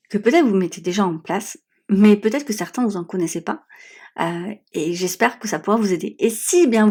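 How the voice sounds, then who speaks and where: A woman's voice: mid-range voice, a little mellow, breathy edge. Congested woman with a sore-throat voice. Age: adult, has children. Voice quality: congested, slightly nasal small voice. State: sore throat, swollen tonsils, blocked stuffy nose. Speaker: podcast host. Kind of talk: conversational solo podcast monologue. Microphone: newly bought podcast microphone.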